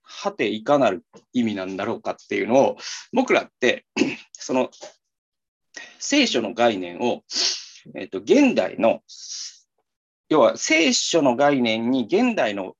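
A man's voice: mid-range voice, wildly swooping pitch, slow, long pauses, highs cut off. A man hosting a talk, explaining at length in a casual, rambling way with many fillers and restarts. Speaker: talk show co-host.

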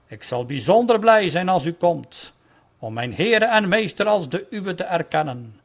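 Gravelly high-voiced man reading a sermon. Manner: earnest pleading delivery, slowing for quoted calls.

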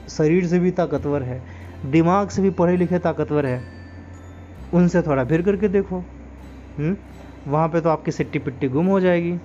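A man's voice: fairly high pitch, dark tone, muffled recording. A man talking in an earnest, moralizing way, asking his listeners many rhetorical questions in a casual spoken monologue. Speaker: podcast host.

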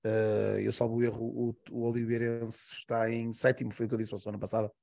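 A man's voice: mid-range voice, little pitch movement, brisk, creaky, mellow. A man with a Portuguese accent, a panelist who talks football on a podcast, going over points and correcting himself as he goes. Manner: repetitive, listing points, self-correcting. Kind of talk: casual podcast football analysis.

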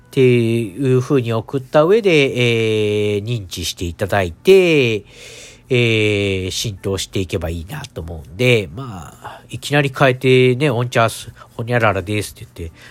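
A man hosting a casual solo podcast in a stuffed-up, nasal voice, talking in a hesitant, rambling, apologetic way. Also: on the low side. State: congested nose. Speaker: podcast host.

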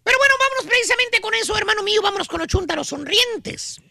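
A man's voice: extremely high pitch, animated, fast talker, creaky, bright, forceful tone, faint music behind. A man with a Mexican accent hosting a radio comedy show, joking and bossing his co-hosts around in playful banter.

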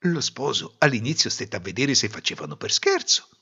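A man narrating a folk tale in a lively, theatrical way. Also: mid-range voice, brisk, husky. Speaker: storyteller. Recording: dull lo-fi recording.

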